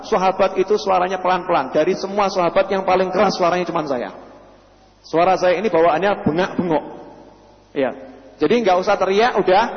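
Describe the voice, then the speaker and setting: A man delivering a sermon to a congregation, telling stories and acting out the people in them, sometimes clipping and restarting words. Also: high voice. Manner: storytelling preacher, acts out quoted voices, stretches words. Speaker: preacher. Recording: dull lo-fi sound with long hall reverb.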